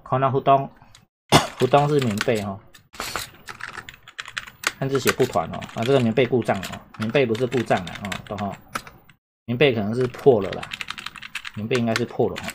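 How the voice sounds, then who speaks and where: A man talks through an exam-prep lesson in a loose, chatty way, often repeating himself and checking whether students follow. His voice sits at an ordinary middle pitch. Faint keyboard clicks can be heard in the background. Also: fairly quick, pauses often, background noise. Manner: chatty, repetitive, asks "懂哈？有没有？" often. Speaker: Japanese teacher.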